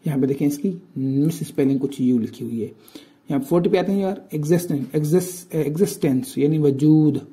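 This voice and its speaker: A young man with a Pakistani Urdu accent, teaching a spelling lesson, explaining slowly and repeating words as he spells them out. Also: on the high side, warm tone. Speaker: tutor. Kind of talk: casual spoken lesson.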